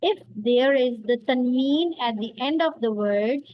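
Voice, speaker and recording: A woman teaching a beginner Arabic lesson, explaining slowly and patiently and repeating each word for learners. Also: sits high, dull audio, slight background noise.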